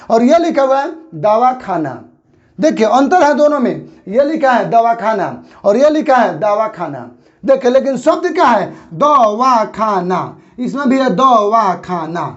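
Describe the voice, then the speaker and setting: A man with a high voice teaches a grammar lesson. He says each example word several times and stretches it out slowly so the pause can be heard. The sound is a bit dull and lo-fi. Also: darkish tone. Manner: repeats words slowly to show pauses.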